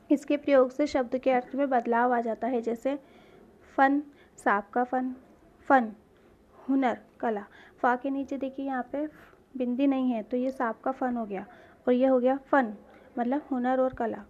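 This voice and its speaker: Lady teacher doing a kids grammar class, kinda high voice, dull lo-fi sound. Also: steady tone, a little mellow. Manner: asks questions and answers them herself; spells out sounds slowly one by one. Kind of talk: grade-school grammar lesson.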